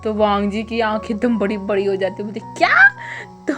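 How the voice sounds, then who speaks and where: A woman's voice: medium pitch, little pitch movement, fast talker, over music. A woman retelling a fan fiction story in a casual, chatty way, full of spoken fillers. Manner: chatty, filler-heavy narration.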